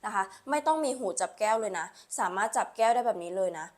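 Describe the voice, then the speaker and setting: A woman selling on a live stream, with a repetitive, urging sales pitch full of polite particles. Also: expressive, fast. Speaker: live-stream online seller.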